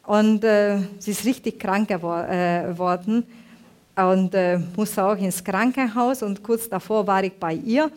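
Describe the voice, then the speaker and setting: A woman from Hungary, giving a sermon with a personal story, halting and often searching for words. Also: medium pitch, darkish tone.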